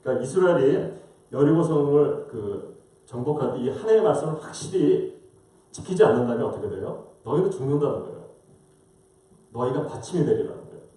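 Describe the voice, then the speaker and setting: A male pastor delivers a sermon with a lively, rising and falling delivery, asking the congregation question after question. His tone is dark and mellow. He sounds distant from the microphone, in a large church with strong echo. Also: medium pitch, a little fast. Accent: Korean-American. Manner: rhetorical questions, acts out voices. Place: church sanctuary. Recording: roomy distant church mic.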